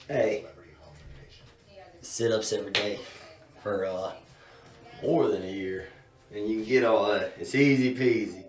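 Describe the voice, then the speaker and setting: A man in his thirties in a small indoor room, rambling in a laid-back, filler-heavy way about workouts into a phone camera. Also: lowish voice. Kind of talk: casual fitness video. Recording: echoey room.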